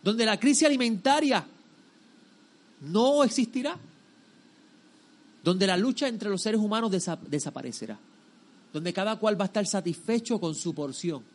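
A man with a high-pitched voice delivers a religious lesson to a group. He teaches emphatically, repeating key phrases for weight and checking in with short rhetorical questions. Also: expressive, normal speed, long pauses.

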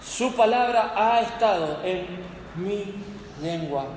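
High-voiced preacher in an echoing hall. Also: male voice, a little mellow. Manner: dramatic storytelling with slow emphatic pauses. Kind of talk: sermon. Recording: echoey hall with faint noise.

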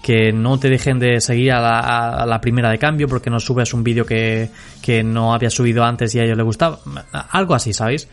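A man's voice: medium pitch, fairly even intonation, a little fast. A young man from Spain with a Castilian Spanish accent hosts a solo podcast, chatting informally and rambling as he addresses listeners directly in slang. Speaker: podcast host and social media creator. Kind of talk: casual solo podcast chat.

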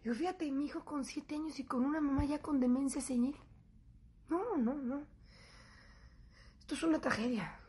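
A woman with a Mexican Spanish accent chats to her viewers in a casual vlog. Her voice sits high and she tells her story in an animated, swearing style, slipping into the voices of the people she quotes. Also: normal speed, pauses often. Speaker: vlogger.

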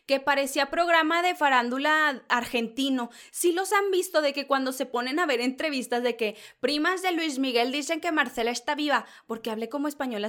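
Female gossip host, northern Mexican accent, high voice, loud and theatrical. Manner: loud, animated, dramatic, mimics others mid-story. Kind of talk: casual celebrity gossip commentary.

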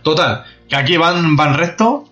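In a slightly dull lo-fi recording with faint music behind him, a podcast host rants about a TV episode with angry, profane incredulity. His voice is a little high, pushed and bright, expressive but unhurried.

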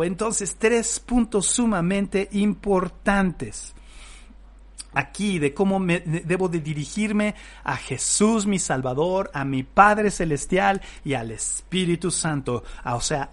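Slow, fervent Mexican pastor. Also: male voice, a little high. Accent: Mexican Spanish. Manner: exclaims praise between readings, reads verses aloud. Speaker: pastor teaching a Bible class. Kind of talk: live-streamed Bible lesson.

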